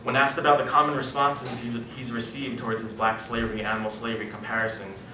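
A man's voice: mid-range voice, level tone, fast talker. A young man from New York, short of breath from altitude sickness, presenting an academic paper at a conference. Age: young adult. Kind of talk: reading a prepared academic paper. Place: wood-panelled conference room, indoors. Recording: echoey room, distant mic, background noise.

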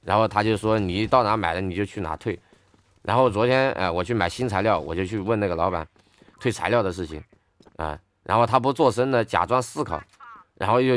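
A man's voice: fairly low pitch, fairly bright tone. A man gaming online and telling an angry story in a heated, indignant ranting manner. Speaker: game streamer. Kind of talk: ranting story over gameplay.

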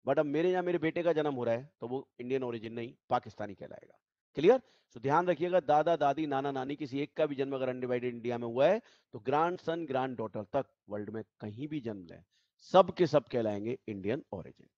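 A man's voice: medium pitch, a little fast, darkish tone, no room sound, dull audio. A male teacher giving an online tax class, explaining step by step and repeating the key points. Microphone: video call.

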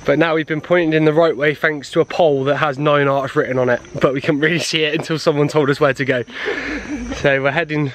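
A man in his twenties, a travel vlogger, chats casually to a handheld camera held at arm's length. His voice is fairly high and fairly even in intonation, and he talks fast, with a little hiss or hum in the recording.

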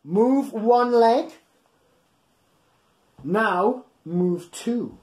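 His voice sits high and is a little mellow, with lively intonation. He's a bedtime storyteller in his thirties, reading to little kids in a playful, over-the-top, encouraging way and pausing to ask them questions. The setting is a small room at home filled with soft toys.

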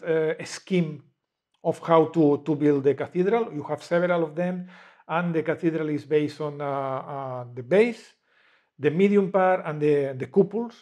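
A man's voice: fairly high pitch, darkish tone. A man, a game publisher answering interview questions in a cozy indoor room, talking with many fillers and restarts. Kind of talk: casual interview.

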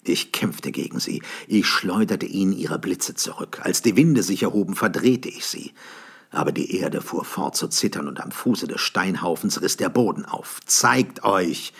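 A man's voice: low-pitched, lively intonation, normal speed, vocal fry, slightly rough. A man reading an audiobook in a dramatic, declamatory way. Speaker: audiobook narrator. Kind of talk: scripted narration.

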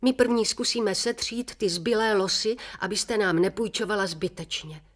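A woman reading a children's story aloud, voicing anxious, naive young wives, pitched high and excited. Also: close to an everyday voice.

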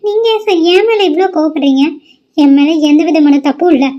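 A woman's voice: high-pitched, brisk, dark tone, lightly acted. A woman voicing an upset young cartoon girl. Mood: pleading. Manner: pleading and protesting. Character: upset young female college student. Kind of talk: cartoon voice acting. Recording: dull lo-fi audio.

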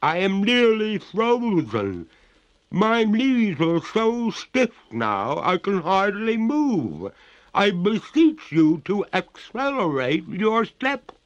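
A genteel lady ghost from a storybook, played by a man, pitched high and swooping. The words come slowly and formally, drawn out with pleading indignation. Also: very animated, dull audio, full character voice. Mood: distressed, chilly. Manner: formal, ornate, drawn-out speech.

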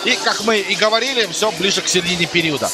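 A man giving live ice hockey commentary in a conversational way, pausing to find words. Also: high voice, over music, crowd noise.

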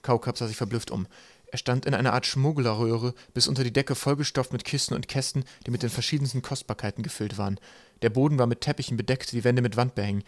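A man reading an audiobook aloud in steady, even storytelling narration. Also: mid-range voice, fast, no echo.

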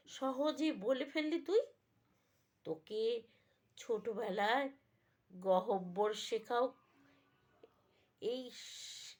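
A woman's voice: high voice, pitched above the performer's own voice. A woman voicing a widowed father, exclaiming in disbelief at his son's plans. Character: bewildered widowed father, fussing.

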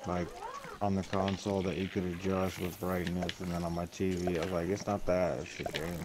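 This man's voice is low and barely moves in pitch, and he speaks a little fast while gaming, rambling casually and swearing freely. The mic is clearly noisy, with clicking audible.

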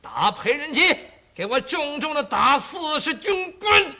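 A man's voice: very high voice, big pitch swings, unhurried, bright, forceful tone, pitched above the performer's own voice, exaggerated voice. A man doing a sneering, bossy marshal. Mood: mocking commanding. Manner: sarcastic, barking orders. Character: villainous scheming male marshal, mocking, domineering.

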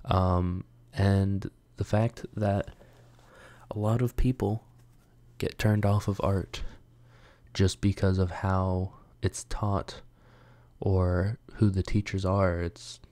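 Slow, low-voiced hesitant young man. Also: flat delivery, dark tone, dry recording. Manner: hesitant, many ums and pauses. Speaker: channel host. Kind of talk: casual solo talk.

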